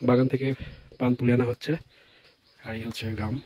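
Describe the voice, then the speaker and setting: A man's voice: mid-range voice, brisk. A man from Bangladesh narrating a casual travel vlog as he walks outdoors on rural trails, chatting and mixing in English words. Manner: chatty, relaxed commentary mixed with English words. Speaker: travel vlogger. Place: outdoors on rural trails, village and tea garden.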